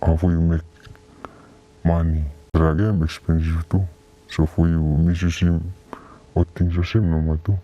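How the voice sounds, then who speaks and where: Anonymous interviewee, disguised very deep voice, Solomon Islands Pijin accent, slow halting delivery, dull lo-fi sound. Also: flat delivery, warm tone. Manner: slow, halting, with long pauses. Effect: voice altered to sound very deep. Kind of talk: confessional interview.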